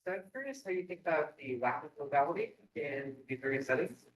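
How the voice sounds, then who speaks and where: A man in the audience asking a halting question. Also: on the high side, animated. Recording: distant, roomy audience pickup.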